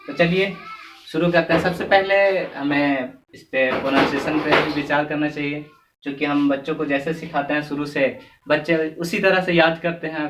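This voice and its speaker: A man teaching beginners the English alphabet and letter sounds, repeating each sound and word slowly. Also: fairly high pitch, noisy background. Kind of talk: slow phonics lesson for beginners. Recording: echoey room, voice far from mic.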